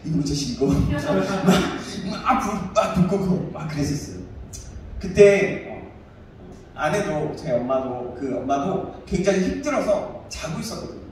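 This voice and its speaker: A male pastor in his thirties preaching a sermon and telling a personal story with animated delivery. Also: sits high, moderate pace. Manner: animated storytelling, acts out his own shouting. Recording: echoey room, distant mic, faint noise.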